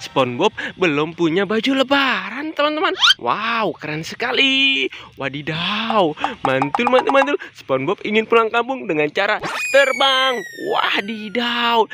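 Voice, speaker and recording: An excited presenter of children's toy videos, exclaiming and repeating catchphrases to young viewers like a party magician. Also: medium pitch, a little slow. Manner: exclamatory, repetitive, like a kids' party magician counting and chanting for children. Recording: music behind the voice.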